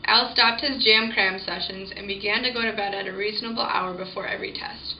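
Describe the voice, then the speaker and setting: A woman's voice: mid-range voice, fairly even intonation, fairly quick, muffled recording, a little hiss or hum. Woman, roommate testimonial, amused telling, distant, echoey room. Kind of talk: scripted testimonial.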